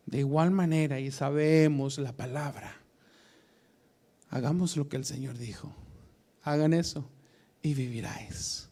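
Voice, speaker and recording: Slow, gravelly-voiced male pastor preaching. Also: mid-range voice, warm tone. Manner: slow, emphatic preaching with pauses. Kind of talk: Bible study sermon.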